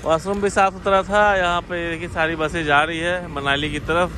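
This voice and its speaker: A man's voice: a little high, flat delivery, brisk, crowd noise. A middle-aged man chatting casually as he films a travel vlog on a phone at arm's length. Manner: chatty, narrating on the move. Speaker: vlogger. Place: bus, roadside dhaba and highway halt, outdoors at night and dawn. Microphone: phone held at arm's length. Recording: noisy outdoor traffic.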